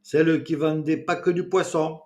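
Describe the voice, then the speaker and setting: A man's voice: fairly high pitch, fairly even intonation, moderate pace, a little mellow, voice pushed up, lightly acted. Brief: man playing a mischievous, insinuating joker, storybook reading. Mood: sly. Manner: teasing, insinuating. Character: mischievous male troublemaker, sly.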